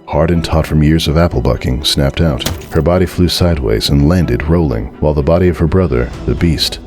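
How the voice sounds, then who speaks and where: A male narrator with an extremely low voice tells a dramatic horror story over clearly audible background music.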